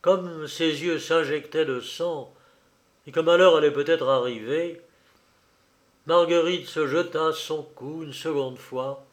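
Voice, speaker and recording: A man reads a novel aloud with measured, dramatic phrasing. He takes his time over every sentence, and his voice sits a touch higher than most men's. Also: steady tone. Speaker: audiobook narrator. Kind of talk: scripted narration of a novel.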